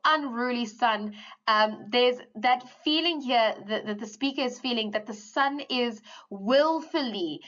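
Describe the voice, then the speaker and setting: Woman, teacher, poetry lesson, fairly high voice, slightly muffled recording. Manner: animated explaining, reads quoted lines slowly. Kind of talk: poetry lesson, explaining aloud.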